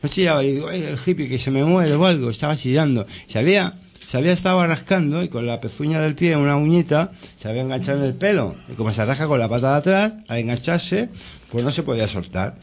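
A man telling casual stories in an interview, rambling and halting, with many restarts and tag questions. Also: fairly high pitch, lively intonation. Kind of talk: casual storytelling.

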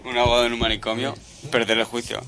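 A man in a group chat telling quick one-liner jokes. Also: mid-range voice, completely flat delivery, crowd noise.

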